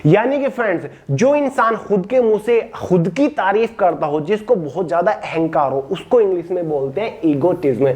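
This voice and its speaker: A man teaching an online vocabulary lesson in Hindi, reading English definitions slowly and calling his listeners friends. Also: high voice, darkish tone. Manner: addresses listeners as friends and brother. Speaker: exam-prep teacher.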